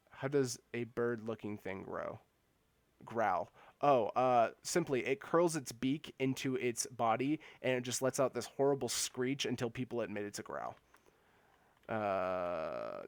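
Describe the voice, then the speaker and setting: A man's voice: mid-range voice, expressive, slow pace, creaky, clear, resonant tone, no room sound. A man streaming a game live, chatting casually with viewers, laughing often and repeating words as he talks. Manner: giggly, stammers and repeats words; chats with viewers while playing. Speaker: gaming streamer.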